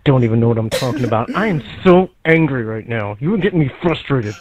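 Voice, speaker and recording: A man's voice: mid-range voice, expressive, quick pace, crowd noise, natural voice. A man playing a hostile young man making aggressive, threatening demands over a phone call. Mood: angry.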